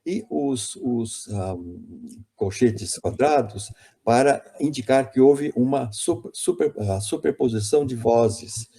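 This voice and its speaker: A man's voice: mid-range voice, slow, mellow, husky. A man giving an academic conference lecture on linguistics, hesitant and self-correcting, often repeating words.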